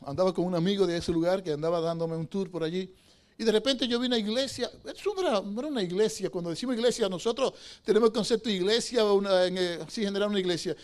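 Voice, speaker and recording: A male pastor with a notably high voice preaches to his congregation inside a church sanctuary. He drops to a hush as he tells a story, then climbs to loud, fervent exhortation. He keeps pulling the listeners in with rhetorical questions. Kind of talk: sermon.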